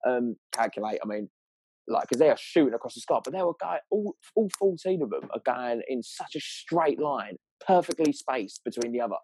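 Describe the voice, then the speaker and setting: A man's voice: mid-range voice, animated, brisk, a little mellow, slight background noise, low-quality recording. A man with a southern English accent telling anecdotes in casual, sweary, slangy chat, rambling along in a matey way.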